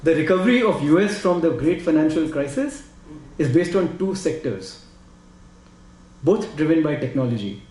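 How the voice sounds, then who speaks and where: A man with an Indian accent on a discussion panel, talking quickly and saying "you know" a lot. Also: fairly high pitch, expressive, darkish tone, roomy sound, poor audio. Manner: fast, repeats "you know". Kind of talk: discussion talk.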